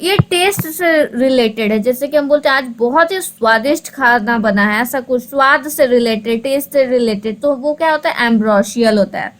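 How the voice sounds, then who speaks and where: A woman teaching English for exams, who asks and answers her own questions, repeats key points, and reads the English options slowly, word by word. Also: sits high, slight background noise, poor audio. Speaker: English teacher for exam prep. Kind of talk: explanatory online lesson.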